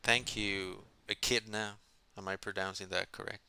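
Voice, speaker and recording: A man's voice: on the low side, level tone, moderate pace, gravelly, sharp tone, clear, resonant tone. A man streaming a card game, musing in a mock-philosophical way and asking himself questions as he plays. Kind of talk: casual live-stream commentary.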